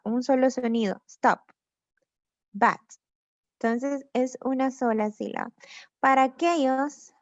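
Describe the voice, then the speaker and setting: A woman teaching English grammar online, walking through each rule slowly and patiently. Her voice sits a little high, and it comes through a dull, dry lo-fi computer mic. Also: no room sound. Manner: patient, explains step by step in Spanish with English examples. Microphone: computer mic on a video lesson.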